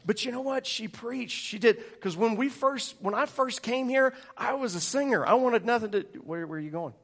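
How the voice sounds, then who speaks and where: A pastor, telling funny stories and laughing often. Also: male voice, extremely high pitch, moderate pace, a bit bright. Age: 40s. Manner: joking, storytelling, laughing often. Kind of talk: sermon.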